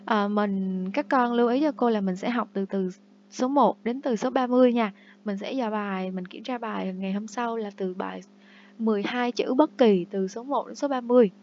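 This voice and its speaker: A woman's voice: medium pitch, a little mellow, lo-fi sound, slight background noise. A woman teacher, patiently repeating vocabulary and explaining pronunciation rules to her pupils in a recorded review lesson. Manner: patient, repeats each word slowly for pupils to copy. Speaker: English teacher.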